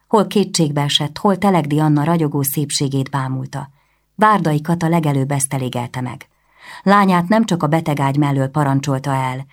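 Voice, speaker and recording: A woman narrates a historical novel in a measured, literary way. Her voice is very deep, with a gravelly creak. It is a scripted audiobook reading.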